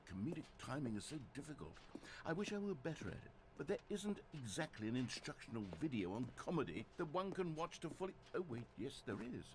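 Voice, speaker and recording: A man's voice: medium pitch, noisy background. An actor playing a fussy, self-conscious male game narrator who is eager to be funny, with a chatty, theatrical way of talking that frets and corrects itself. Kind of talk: video game voice acting.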